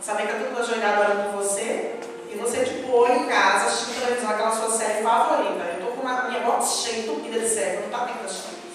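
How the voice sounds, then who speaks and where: A woman preacher, giving an animated sermon and acting out her own quoted words. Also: a little high, fast talker. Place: large church hall. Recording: echoey church hall from far off with music. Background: music.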